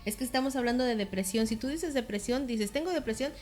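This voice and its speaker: Animated woman, higher voice. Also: quick pace, soft background music. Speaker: therapist, co-host or guest. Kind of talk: casual conversation on a talk show.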